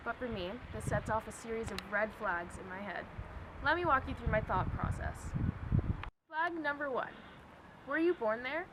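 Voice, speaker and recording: A woman's voice: on the high side, normal speed. A young woman from Ireland giving wry, scripted personal narration as a student. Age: young adult. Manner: wry, questioning. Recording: clear background noise.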